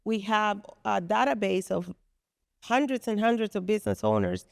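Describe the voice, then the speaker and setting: A podcast guest from the Dominican Republic, who co-founded a business space, explains her business at length, with earnest fillers along the way. Her mid-range voice is sing-song and creaky at a moderate pace, recorded dry with studio quality.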